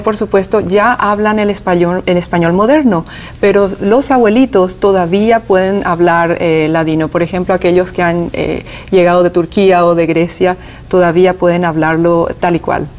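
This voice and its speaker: A woman's voice: fairly low pitch, fairly even intonation, moderate pace, a little mellow. A woman from Paraguay, a guest singer, explaining things at length in an interview with many hesitations.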